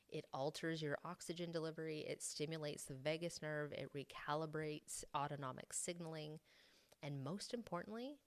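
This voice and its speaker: A woman hosting a solo podcast, calmly explaining and talking about her own sobriety. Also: sits low. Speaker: podcast host.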